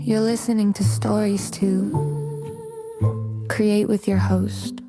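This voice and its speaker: A woman reading a slow, scripted intro voice-over as the show's announcer. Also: mid-range voice, very animated. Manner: slow, measured delivery. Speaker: show announcer. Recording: over loud guitar music.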